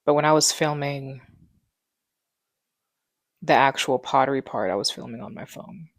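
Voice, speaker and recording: A woman in her 20s rambles casually in her living room at home for a vlog, relaxed and using many fillers. She wears a wireless clip mic. Her voice is very deep at a moderate pace, and the sound is studio quality with no room sound.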